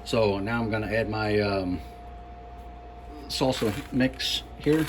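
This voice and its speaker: A man giving a casual home cooking demonstration, explaining things in a halting, unhurried, folksy way. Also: on the low side, background noise. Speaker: home cook presenting a recipe.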